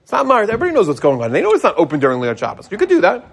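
A middle-aged rabbi with a somewhat high-set voice leads an informal class. He talks in an animated, conversational way, posing rhetorical questions and answering them himself. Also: very fast, creaky, husky. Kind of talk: informal religious law lecture.

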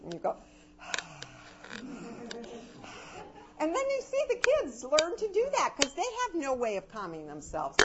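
An older woman giving an animated, anecdotal talk on parenting to a live audience, her voice swinging between soft and loud. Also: mid-range voice. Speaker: parenting and education speaker. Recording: dull lo-fi recording with loud noise.

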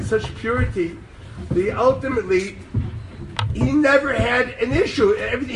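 A man giving an animated, sarcastic Torah class to a group, mixing in Hebrew terms. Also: very high-pitched. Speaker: rabbi teaching a class. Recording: distant mic with loud background noise.

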